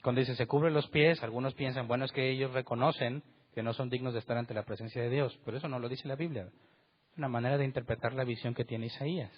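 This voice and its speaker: A man's voice: mid-range voice, husky. A man preaching a sermon as pastor, emphatic and full of rhetorical questions, acting out the quotes he reads. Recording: dull lo-fi sound.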